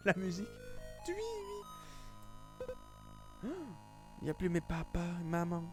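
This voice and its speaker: A man's voice: sits high, wildly swooping pitch, slow. A man with a French accent, thinking aloud with hesitant restarts as he plays a video game and reads in-game English text aloud. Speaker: gamer. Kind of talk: French let's play commentary. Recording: game music clearly behind the voice.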